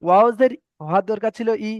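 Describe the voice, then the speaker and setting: High-voiced man drilling letter sounds. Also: dry recording. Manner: slow, repetitive drilling of syllables with pauses. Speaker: online Quran reading teacher. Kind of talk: online class lesson, spelling out letter sounds. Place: online video class.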